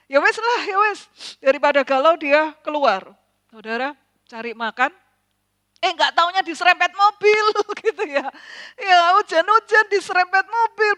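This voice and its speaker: A woman preaching a sermon in church, telling a story animatedly and swinging between hushed and loud. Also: sits high, no room sound.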